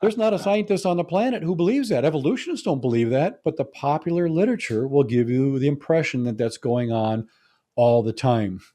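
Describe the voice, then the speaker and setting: A man's voice: medium pitch, animated, fairly quick, mellow. A man giving a lecture to an audience, explaining his points in a conversational, humorous way. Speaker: speaker.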